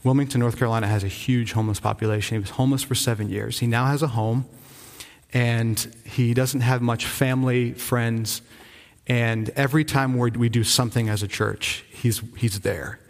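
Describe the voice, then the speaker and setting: Speaking from the pulpit of a church sanctuary, this Rhode Island man, a visiting pastor who plants churches, delivers an eager, informal update in a steady mid-range voice. His delivery is earnest and halting, full of restarts, and the hall's long reverb trails every phrase.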